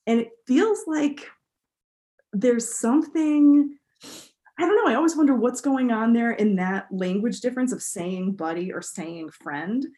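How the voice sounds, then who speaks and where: A woman co-hosting a podcast, talking things through in a thoughtful, animated way. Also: on the high side, measured pace. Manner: thoughtful, animated, many fillers. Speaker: podcast co-host. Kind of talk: casual chat.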